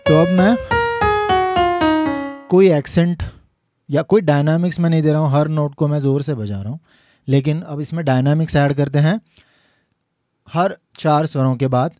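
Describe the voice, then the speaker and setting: Mellow-voiced man teaching piano. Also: a little high, steady tone. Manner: explains step by step, sings note names slowly. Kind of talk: instructional lesson.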